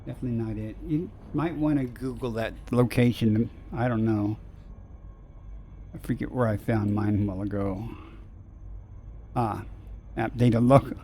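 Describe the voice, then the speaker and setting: Male streamer, mid-pitched and mellow, casual and wry, talking viewers through his gameplay. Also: fairly even intonation, normal speed, slight background noise. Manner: musing aloud while playing, dry sarcasm. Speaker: game streamer.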